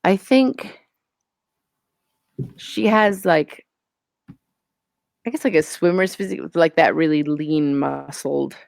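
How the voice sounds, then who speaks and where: A tabletop player chats casually with noticeable vocal fry. The delivery is hesitant, working out ideas aloud, and the sound is close and dry. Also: medium pitch, takes it slowly, pauses often, dry recording.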